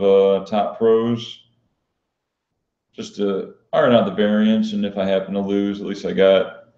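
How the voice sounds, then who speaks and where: This man, a pro poker player and vlogger, runs a casual Q&A chat on his live stream in a low, monotone voice. He sounds flat and unexcited, just stating things plainly. The recording is lo-fi and dull, with the echo of the room audible.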